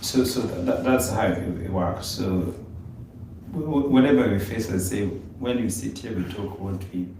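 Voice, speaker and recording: In casual live stream conversation, a male co-host talks at normal speed in a lowish, darkish voice. He tends to ramble, repeat words, and bend grammar like a non-native speaker. A distant mic in an echoey room leaves him sounding far off, with faint background noise.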